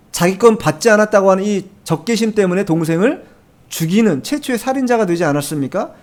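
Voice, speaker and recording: A male pastor delivers a Sunday sermon with a notably high voice. He drives his points home with rhetorical questions and repeated phrases, speaking to a congregation in a church. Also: a little mellow. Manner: emphatic, repeats key phrases. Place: church sanctuary.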